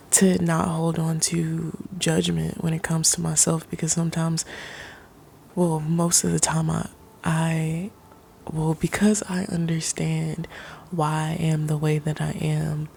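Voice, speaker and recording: Woman, soft ASMR pep talk, near-whisper, mellow and even-pitched, halting delivery, faint noise behind. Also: vocal fry. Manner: halting, pausing mid-sentence. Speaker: ASMR creator. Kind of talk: soft-spoken ASMR, reflective personal talk.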